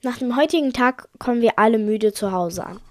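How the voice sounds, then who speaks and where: A woman with a somewhat high voice reads her own story aloud. She trips over words and corrects herself mid-sentence. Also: a little fast, no echo, clean studio sound. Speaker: podcast host reading her own story. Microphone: voice message recording.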